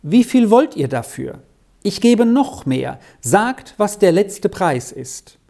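A man's voice: high voice, sing-song, slow, vocal fry, warm tone, voice pushed up, heavily acted. A man reading aloud, voicing a greedy farmer who presses insistently to buy land. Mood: pushy.

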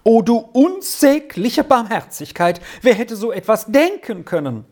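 A reader voicing an excitable old village woman who cries out high and shrill with drawn-out exclamations. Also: creaky. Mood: astonished. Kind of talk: audiobook character voice.

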